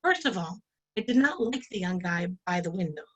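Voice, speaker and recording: A woman's voice: fairly low pitch, animated, moderate pace, fairly bright tone. Woman reading a story aloud. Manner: reads each line then translates it. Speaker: storyteller and Yiddish teacher.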